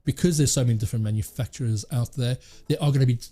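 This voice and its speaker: A man hosts a casual tech chat, his voice warm and a little raspy. He rambles, stumbles over words and fills pauses with "uh" as he talks, while soft music sits faintly under him. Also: mid-range voice. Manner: rambling, many fillers and restarts. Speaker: tech channel host. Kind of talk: casual talk to camera.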